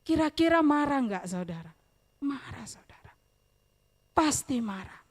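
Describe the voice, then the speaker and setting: Brief: female preacher, slightly high pitch, lively sermon with loud peaks and hushed asides. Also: unhurried, slightly rough. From eastern Indonesia. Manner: lively preaching, rising loud on questions and dropping to quiet asides; addresses listeners as "saudara", speaks with humor. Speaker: evangelist preacher. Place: church service.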